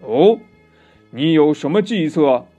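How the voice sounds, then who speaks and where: A man voicing a gruff old demon king. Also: fairly high pitch, animated, slow pace, dark tone, soft background music, heavily acted. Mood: curious. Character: boastful old male cave demon king.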